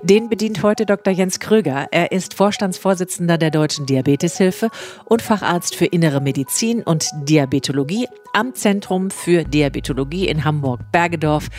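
A female host presents and interviews as on radio. Her voice is notably low for a woman, and soft music plays faintly behind her. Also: moderate pace. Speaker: podcast host.

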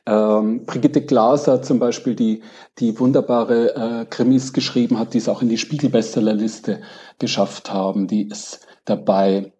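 A man answering casually as a guest, reflective and pausing now and then to search for words. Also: lowish voice, steady tone, mellow. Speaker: podcast guest, crime novelist. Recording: dull, lo-fi connection.

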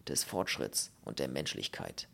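A man narrating a novel in a measured storytelling manner. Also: extremely low pitch, big pitch swings, vocal fry, sharp tone. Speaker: audiobook narrator.

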